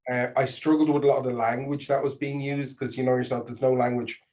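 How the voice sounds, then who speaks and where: A man's voice: medium pitch, little pitch movement, fast talker, a little mellow. Middle-aged Dublin man, chatting informally. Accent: Dublin Irish. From Dublin, Ireland. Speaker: interview guest, storyteller. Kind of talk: casual conversational interview.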